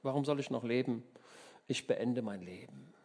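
A German man preaching a sermon, telling the story in a lively way, acting out the people in it and often asking his listeners for agreement. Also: medium pitch, normal speed, husky. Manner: lively storytelling, acts out voices, asks the listeners questions.

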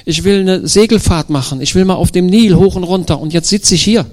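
A man's voice: sits high, a little fast, a little mellow, voice pushed up, natural voice. A man voicing a young imprisoned man who complains bitterly to God that he is treated unfairly, pleading and indignant. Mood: indignant despair. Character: young male prisoner lamenting to God, indignant.

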